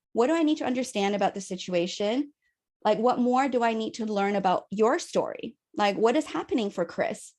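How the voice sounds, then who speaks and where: Young woman facilitator, lively and chatty, acts out dialogue. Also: a little high. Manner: animated, chatty, acts out quotes. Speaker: workshop facilitator. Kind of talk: teaching a communication workshop.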